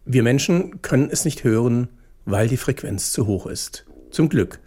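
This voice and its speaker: A man hosting a scripted satirical radio segment in a wry, deadpan manner. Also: mid-range voice, measured pace, breathy edge. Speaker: host.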